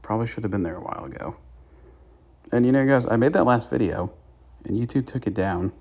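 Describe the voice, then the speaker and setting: A man's voice: mid-range voice, fairly quick, a little mellow, slightly rough. A young man giving casual gameplay commentary and tips to his viewers as the channel's host. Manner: chatty, gives tips to viewers. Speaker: gaming YouTuber.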